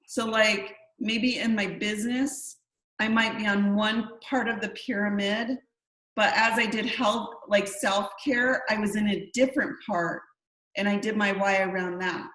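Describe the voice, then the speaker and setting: A woman coaching a group over a video call, explaining in a relaxed way with hesitant restarts. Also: medium pitch, unhurried, echoey room, poor audio.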